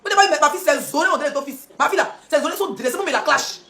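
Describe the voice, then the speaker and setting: Fast, high-voiced ranting woman. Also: expressive, bright, forceful tone. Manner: mocking and combative, with frequent laughs and rhetorical questions. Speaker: social media live streamer. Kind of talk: heated live-stream rant. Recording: echoey room.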